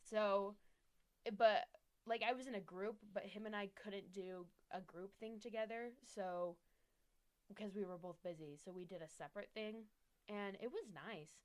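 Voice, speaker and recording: A woman's voice: mid-range voice, moderate pace. A young woman co-hosting a podcast, telling a dating story in casual chat with frequent laughs. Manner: giggly, rambling storyteller. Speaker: podcast co-host.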